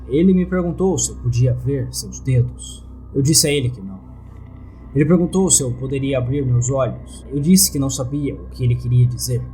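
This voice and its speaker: A Brazilian man tells a first-person horror story over light background music. His mid-pitched voice has a dark, soft-edged timbre, and the audio quality is poor.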